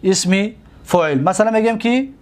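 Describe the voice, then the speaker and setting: Tajik-accented male teacher, high-pitched voice, drills his class with repeated terms and quick questions. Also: a little hiss or hum. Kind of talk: classroom lecture.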